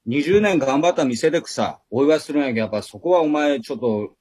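A man's voice: medium pitch, expressive, fast, a little mellow, husky, dry recording. A man in his late forties from Fukuoka, speaking with a Hakata dialect and teasing an old friend in casual banter. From Fukuoka, Japan. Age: late 40s. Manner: teasing, playful, laughs often. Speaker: live house owner and co-host.

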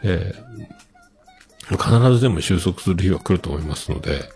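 A man's voice: low-pitched, wildly swooping pitch, a little slow, vocal fry, a little mellow, husky, soft background music. A middle-aged man hosting a podcast, chatting casually and rambling with many fillers as he reads listener mail. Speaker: podcast host.

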